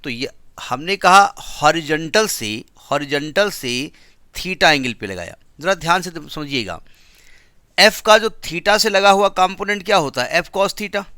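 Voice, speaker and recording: Bright-voiced male physics teacher lecturing. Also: a little high, animated, a little slow, clear, resonant tone, dry recording, clean studio sound. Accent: Indian English. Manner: explains step by step, asks the class questions.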